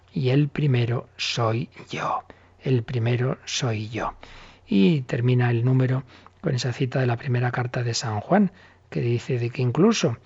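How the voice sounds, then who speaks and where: A husky-voiced man teaches the catechism as a priest. He tells stories and acts out little exchanges in different voices. The recording is dull and lo-fi. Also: mid-range voice. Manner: animated storytelling, acts out little dialogues. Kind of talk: catechism lesson commentary.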